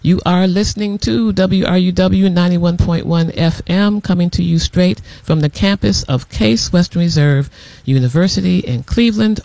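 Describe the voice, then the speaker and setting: A man's voice: high voice, gravelly, a little mellow, no room sound. A man hosting a college radio talk show, introducing and interviewing a guest with enthusiasm.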